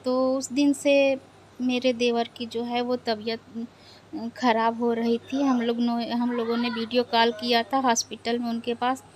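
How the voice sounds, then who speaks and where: A young woman vlogger, quietly and sadly recounting a family loss with hesitant pauses. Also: on the high side, level tone, a little hiss or hum. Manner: sad, subdued, hesitant retelling of a family loss. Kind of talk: personal vlog storytelling.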